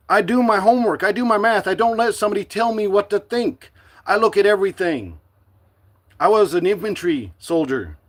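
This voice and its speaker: A middle-aged man from the United States speaking to his livestream viewers in a forceful, defiant, preachy monologue. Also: high voice. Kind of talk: impassioned live-stream monologue.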